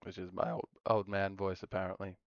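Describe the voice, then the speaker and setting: Low, smooth-voiced man streaming a game. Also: level tone, brisk, no echo, muffled recording. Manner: rambling, talks to himself while playing. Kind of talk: casual live-stream chat.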